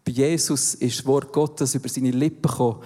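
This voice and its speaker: Questioning preacher in a reverberant hall. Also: male voice, mid-range voice, fairly even intonation, a little fast, dark tone, breathy edge. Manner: emphatic, asks the listener many questions. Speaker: pastor. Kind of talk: sermon.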